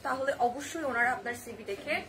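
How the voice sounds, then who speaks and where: Hoarse bangladeshi woman selling clothes on a phone live, fast and chatty, high pitched. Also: bright, forceful tone, slight background noise. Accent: Bangladeshi Bengali. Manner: chatty, reads viewer comments aloud and answers them. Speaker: online boutique live seller. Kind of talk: live-stream sales pitch.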